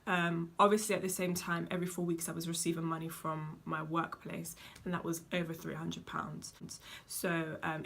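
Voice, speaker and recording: A woman's voice: on the low side, bright, forceful tone. A young woman, giving chatty, emphatic money advice to her viewers with casual slang. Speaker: vlogger. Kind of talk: casual advice talk to camera.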